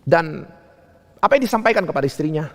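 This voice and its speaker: A man delivers a sermon as a pastor, his voice sitting fairly high for a man. He tells stories and poses rhetorical questions, rising high on emphatic lines and dropping low on others. The sound carries a long reverb from a church hall. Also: expressive, quick pace. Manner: wide swings between high and low pitch.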